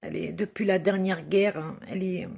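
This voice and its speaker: A woman from Algeria making an impassioned spoken appeal to her viewers. She speaks slowly and emphatically, repeating phrases for stress. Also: on the low side, steady tone, vocal fry, a little mellow, breathy edge. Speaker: vlogger addressing viewers.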